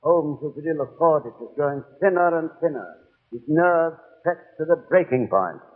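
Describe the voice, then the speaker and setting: An actor playing a genial, rambling older English doctor, telling stories in 1930s radio style. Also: male voice, on the high side, animated, moderate pace, long reverb tail. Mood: genial, reminiscing. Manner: avuncular, rambling, loses his thread. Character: genial, chatty old English doctor reminiscing about detective adventures. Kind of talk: 1930s radio storytelling and sponsor patter. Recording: tinny, hollow 1930s radio recording.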